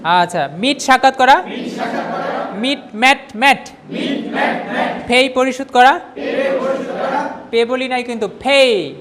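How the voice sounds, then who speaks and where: A man's voice: very high-pitched, a little slow, long pauses, a crowd in the background, noisy background. A man teaching English vocabulary to a class, drilling verb forms in repetitive chanted lists.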